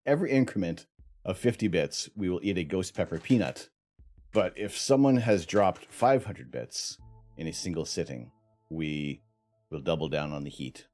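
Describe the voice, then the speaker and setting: Guy streaming and chatting w viewers, low voice, bouncy intonation, throat clearing. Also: animated, normal speed, a little mellow, faint music behind. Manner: chatty, thanking viewers, laughing and coughing while eating hot peppers. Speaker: livestream host. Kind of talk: casual live-stream chat.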